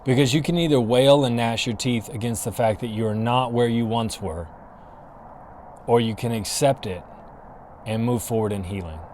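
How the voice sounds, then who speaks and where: A man's voice: medium pitch, normal speed, darkish tone, slight background noise. A man hosting his own podcast outdoors in the cold, talking in an earnest, encouraging way with frequent restarts. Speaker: podcast host. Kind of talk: casual solo podcast talk. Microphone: camera and mic, filming himself.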